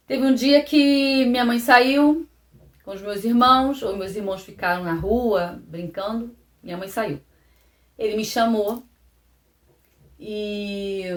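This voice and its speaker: Woman, Brazilian Portuguese accent, personal testimony, halting, repeats phrases, soft low delivery, echoey room. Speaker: vlogger. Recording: roomy echo.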